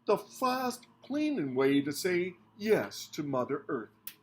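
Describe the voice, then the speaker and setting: A man voicing an excitable alien father who proclaims things like a TV advert. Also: on the high side, takes it slowly, slight background noise, voice pushed up. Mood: gushing.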